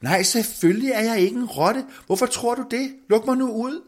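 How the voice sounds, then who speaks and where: A man's voice: extremely high pitch, pitched above the performer's own voice. A man voicing a middle-aged, hungry storybook man who pleads, his voice climbing when frightened. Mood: pleading. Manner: pleading, voice rising in panic.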